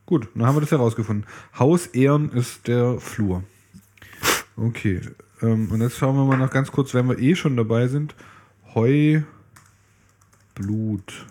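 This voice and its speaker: A man's voice: medium pitch, a little slow, warm tone. A man co-hosting a casual chat, reading a fairy tale aloud and breaking off with jokey asides. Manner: jokey, interrupts his own reading with asides.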